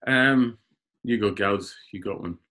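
Man telling lively stories. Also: fairly low pitch, slow pace. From Scotland. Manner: animated storyteller, repeats words as he goes. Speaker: cricketer guest. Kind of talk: casual podcast chat.

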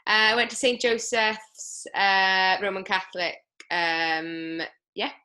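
Bright-voiced Swansea woman chatting. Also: medium pitch, fairly even intonation, slow pace. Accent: South Wales, Swansea. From Swansea, South Wales. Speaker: podcast guest, elite triathlete. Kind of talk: casual interview chat.

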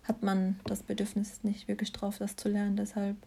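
This young German woman, a science student from Mannheim, shares personal stories as a guest in a relaxed interview. She speaks at a moderate pace in a medium-pitched voice that is gravelly and mellow with a breathy edge, her delivery completely flat.

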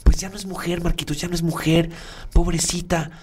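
A man's voice: a little high, steady tone, brisk, darkish tone, pitched above the performer's own voice, lightly acted. A man voicing a worried older housekeeper woman, anxiously repeating herself.

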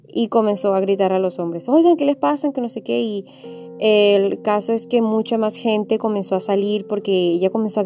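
A woman tells a tense story in a relaxed, mellow voice, stringing repeated words together to build suspense. She slips into the quoted lines as she goes, and faint music plays softly behind her. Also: mid-range voice. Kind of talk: casual spoken storytelling.

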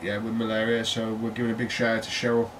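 Here the British podcast co-host talks fast in a fairly low, monotone voice, yet stays chatty and jokey, breaking into laughter often during the casual tech chat. The recording is distant, with faint noise.

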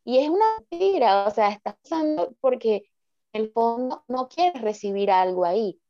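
A woman's voice: on the high side, lively intonation, moderate pace, warm tone, dry recording, soft background music. Reflective woman, dull dry sound. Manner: reflective, acts out inner thoughts in quotes. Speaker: therapist guest. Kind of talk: calm explanatory podcast talk.

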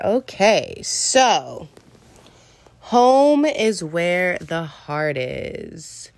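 A woman's voice: low-pitched, darkish tone, dry recording. A woman in her late twenties, from the San Francisco Bay Area, hosting a casual solo podcast in a chatty, slangy way. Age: late 20s. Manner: chatty, informal, uses slang. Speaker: podcast host.

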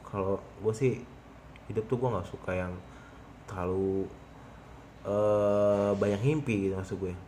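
A man's voice: on the low side, fairly even intonation, a little slow, long pauses, mellow, a little hiss or hum. A young man, hosting a podcast in casual, rambling, slangy chat full of fillers. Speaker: podcast host.

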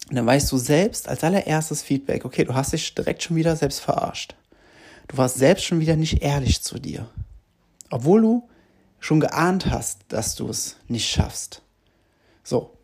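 A man coaching listeners on self-confidence in an earnest, emphatic monologue, slowing down to stress key points. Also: mid-range voice, darkish tone, breathy edge.

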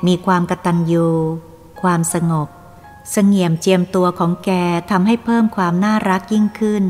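A woman's voice: mid-range voice, darkish tone. Tender woman narrating with long reverb. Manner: slow, tender, emotional storytelling. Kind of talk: scripted first-person audiobook narration. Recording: long reverb with faint background music.

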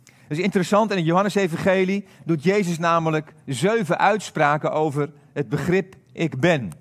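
Male pastor, earnest sermon, slightly high voice, halting delivery. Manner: earnest, hesitant with many fillers.

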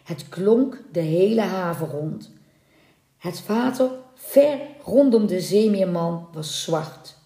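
A woman reading a folk legend aloud in a calm, measured, dramatic storybook narration. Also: on the low side. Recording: roomy echoing room.

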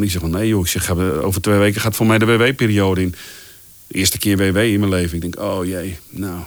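Very deep-voiced Dutch man telling stories. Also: no room sound. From Netherlands. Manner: animated anecdotes with many fillers, acts out quoted lines. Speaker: voice-over artist, podcast guest. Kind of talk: casual storytelling interview.

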